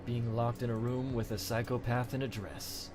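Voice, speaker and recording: Man voicing brooding cartoon hedgehog, dry, grumbling, livestream host banter, clear background music. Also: medium pitch, little pitch movement, normal speed, a little mellow, lightly acted. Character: Shadow the Hedgehog, brooding male anthropomorphic hedgehog held captive. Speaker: livestream host reading donations. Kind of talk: in-character improvised livestream banter.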